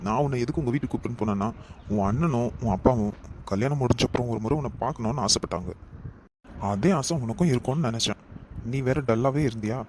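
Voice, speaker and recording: A man voicing a gentle young husband who soothes and coaxes his wife, with a Kanyakumari Tamil accent. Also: mid-range voice, noisy background, lightly acted. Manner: soothing, coaxing.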